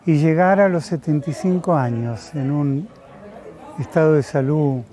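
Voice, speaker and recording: A man, speaking slowly and thoughtfully about his life, often pausing with filler sounds. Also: fairly high pitch, dark tone. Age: 70s. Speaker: interviewee. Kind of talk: reflective personal testimony.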